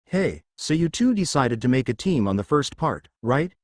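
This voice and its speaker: A man's voice: medium pitch, very animated, moderate pace, no echo, studio quality, natural voice. A man voicing a giddy, nosy teen girl in a read-aloud story.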